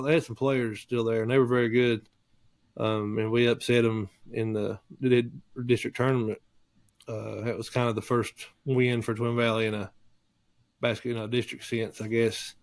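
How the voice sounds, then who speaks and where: A man recalls old games in a casual podcast chat, rambling and correcting himself along the way. His pitch stays flat and even. The recording is dry and close. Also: normal speed, no echo. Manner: rambling reminiscing with fillers and self-corrections.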